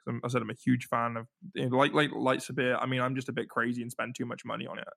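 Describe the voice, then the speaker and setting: A man hosting a casual podcast chat, excitable and stammering over his words. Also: mid-range voice, quick pace, creaky.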